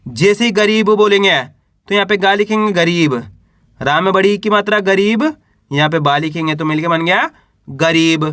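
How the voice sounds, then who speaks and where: A patient male teacher with a high, bright voice sounds out syllables one by one for beginners. He asks himself each question and answers it in a slow, even classroom rhythm. His voice is recorded close up and dry, with no room echo. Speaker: Hindi reading teacher. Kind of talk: slow spelling lesson for beginners.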